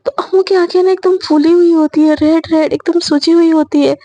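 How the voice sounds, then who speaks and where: A woman tells a love story in a casual, emotional and chatty way. Her voice is very high but soft and mellow. It sounds close and dry. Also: steady tone, a little fast, dry recording.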